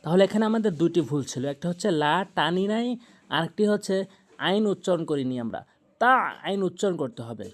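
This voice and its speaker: A man teaching Quran recitation with tajweed, explaining pronunciation plainly and then reciting verses slowly with long drawn-out vowels. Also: a little high, lively intonation, darkish tone. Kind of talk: tajweed lesson, spelling and reciting.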